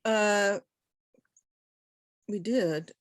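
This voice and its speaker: A woman's voice: medium pitch, drawn-out words, no echo, studio quality. A woman moderating an online session, giving brief, hesitant replies over a video call.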